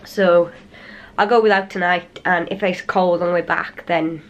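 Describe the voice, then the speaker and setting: The audio is dull as a wheezy, tired woman talks casually to her handheld camera indoors in a hotel room, a cold leaving her slightly out of breath. Chatty and rambling, she speaks in a lowish, slightly raspy voice with a steady tone at normal speed.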